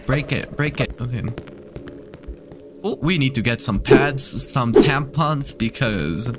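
A man streaming a horror game with casual commentary, scared and jumpy, with campy, sassy slang and dramatic reactions. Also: mid-range voice. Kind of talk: casual let's play commentary.

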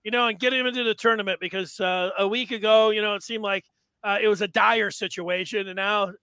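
A high, bright-voiced man in his thirties talks sports on a headset mic from his home room. His sound is dry and close. He rambles excitedly, full of fillers. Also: brisk, clean tone, dry recording. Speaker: podcast host. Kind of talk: casual sports chat. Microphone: headset mic on video call.

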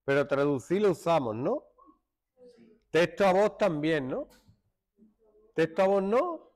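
Animated Andalusian man teaching a class, fairly high voice, jokes and shushes his students. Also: a little slow. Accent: Andalusian Spanish. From Málaga, Spain. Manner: joking, hushes students. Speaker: secondary school teacher. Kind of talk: classroom lesson.

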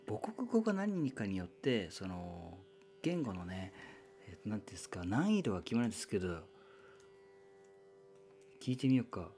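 A man's voice: fairly low pitch, sing-song, moderate pace, long pauses, mellow, faint music behind. Chatty man, casual solo talk. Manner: chatty, self-correcting, sings short chant lines to demonstrate. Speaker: musician recruiting singers.

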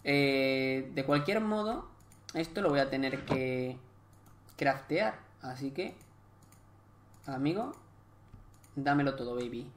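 A young man with a Spain Spanish accent doing live gameplay commentary, chatty and excitable, swearing and joking in slang. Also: mid-range voice, slow pace, pauses often, a little hiss or hum. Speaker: gaming YouTuber.

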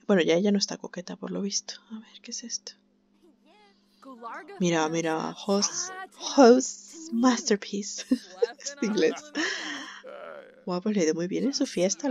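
A woman's voice: lowish voice, normal speed, creaky, long pauses, darkish tone. A woman giving chatty, sympathetic game commentary, laughing often. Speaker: gameplay commentator. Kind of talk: casual let's-play commentary.

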